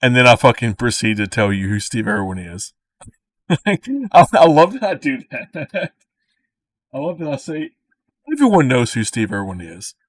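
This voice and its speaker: A Cajun man in his thirties riffs loosely, swearing and circling back on his own words, at an ordinary pitch. His voice is dry and sits slightly back from the mic. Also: unhurried, long pauses, no echo. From Louisiana. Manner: laughing asides, swears often, repeats himself. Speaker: creator reacting to his own old video. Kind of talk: rambling, profane casual commentary. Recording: dry voice, a bit far from the mic.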